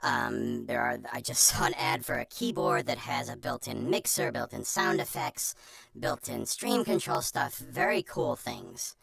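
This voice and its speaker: A streamer with an artificially pitch-shifted chipmunk voice gives an informal, self-deprecating how-to presentation in a chatty manner. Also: lively intonation, measured pace, gravelly, a bit bright, no room sound. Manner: chatty, self-deprecating, breaks off into muttered asides. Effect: pitch shifter giving a chipmunk voice.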